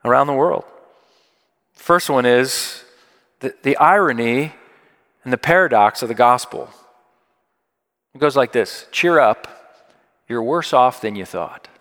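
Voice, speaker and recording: A man's voice: mid-range voice, fairly bright tone. A man preaching a sermon in a conversational, emphatic way, repeating key phrases for weight. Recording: long hall reverb.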